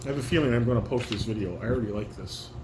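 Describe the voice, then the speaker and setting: Speaking rapid-fire at medium pitch, an older father runs a casual table read at home, correcting the readers and voicing the stage directions in an instructive way. The recording sounds roomy, and background noise comes through clearly.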